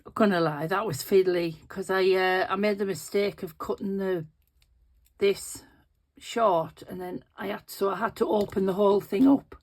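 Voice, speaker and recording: The resin craft video host, a middle-aged woman, sounds sniffly and nasal as she chats casually and thinks out loud, her hands busy with the tutorial. Her voice is mid-range, steady and darkish, at a moderate pace.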